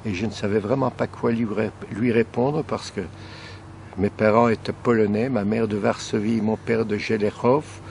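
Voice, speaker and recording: Gravelly older man recalling childhood. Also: on the low side, fairly even intonation, moderate pace, darkish tone, a little hiss or hum. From Belgium. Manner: hesitant, searching for words. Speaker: interviewee, former hidden child. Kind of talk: recalled testimony.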